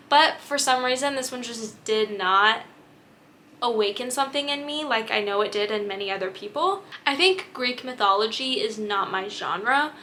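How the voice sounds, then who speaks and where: A woman's voice: fairly high pitch, bright, forceful tone, slight background noise. A young woman chatting candidly about books she has read, with plenty of fillers. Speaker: book vlogger. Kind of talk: casual chat.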